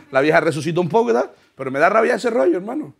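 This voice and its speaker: This young man's voice is high-pitched, fast, gravelly and husky. A comedian from the Canary Islands, he animatedly spins a funny story, performing different voices and laughing as he talks.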